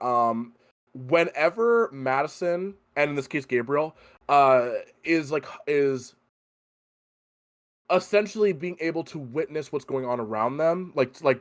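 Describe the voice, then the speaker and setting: Animated man with a lively voice. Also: mid-range voice. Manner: animated, swears freely, laughs often. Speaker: podcast host. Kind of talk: casual movie review chat.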